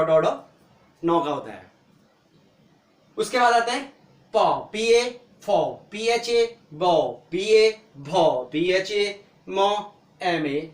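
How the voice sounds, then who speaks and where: A man teaching the alphabet, spelling out each letter slowly and answering his own questions as he explains. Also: high-pitched, roomy sound. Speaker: language teacher. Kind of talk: explaining lesson.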